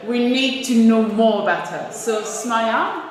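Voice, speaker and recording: A woman hosting an interview, praising her guest and setting out her questions slowly and deliberately. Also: fairly high pitch, a crowd in the background. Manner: warm, praising, slow and deliberate. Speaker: interview host. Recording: very echoey room with faint noise.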